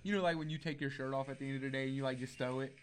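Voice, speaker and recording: Animated slangy podcast man. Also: medium pitch, racing, a little hiss or hum. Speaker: podcast co-host. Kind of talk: casual stoner chat.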